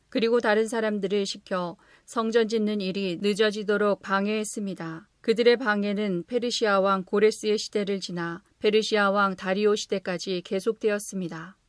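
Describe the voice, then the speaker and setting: A woman pastor reading scripture aloud in a calm, even, unhurried way. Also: mid-range voice, no echo, studio quality.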